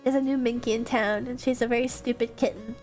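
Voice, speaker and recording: A woman's voice: on the high side, steady tone, quick pace, a little mellow, soft background music. A young woman streamer with a stuffed-up nose, chatting and giggling as she reads fan messages. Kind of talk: casual live-stream chat.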